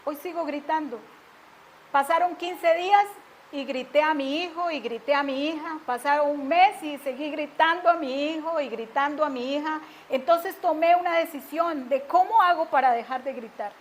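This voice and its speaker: High-voiced earnest woman preacher. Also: normal speed, slight background noise. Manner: earnest, swings from hushed confessions to emphatic declarations. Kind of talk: sermon with personal testimony.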